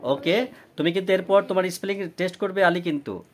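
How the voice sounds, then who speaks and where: A woman tutor giving a spelling test, repeating words slowly and quizzing her students patiently. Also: lowish voice, a little hiss or hum. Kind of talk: home tuition spelling test. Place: tuition room.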